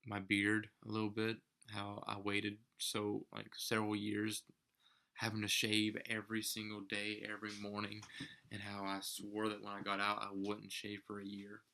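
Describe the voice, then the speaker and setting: Young guy rambling at his camera, kinda low and gravelly, goes all dramatic sometimes. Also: completely flat delivery, normal speed, pushed and bright. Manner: rambling, mock-grand theatrical turns. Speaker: vlogger. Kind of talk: casual chat to camera.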